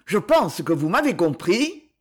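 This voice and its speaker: A woman's voice: on the low side, sing-song, a little slow, slightly rough, full character voice. A woman reading the part of a stern young nobleman who speaks firmly, coldly and with irony. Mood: stern commanding. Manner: firm, cold, ironic.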